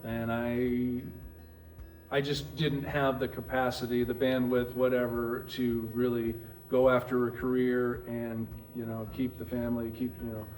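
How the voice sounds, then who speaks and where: A middle-aged man from New Hampshire, a former pro football player, telling his story in an interview with many pauses and restarts. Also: mid-range voice, little pitch movement, a little mellow, soft background music. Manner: rambling, halting, with many restarts.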